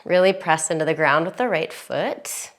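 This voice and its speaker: A young woman teaching a yoga class, giving calm breath cues with sighs, a bit out of breath. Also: deep voice, normal speed. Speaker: yoga instructor.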